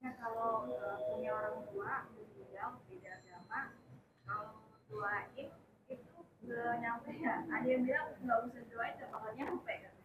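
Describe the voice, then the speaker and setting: A woman's voice: a little high, steady tone, unhurried, long pauses. A woman in the audience asking a question hesitantly. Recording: distant, tinny, echoey and noisy.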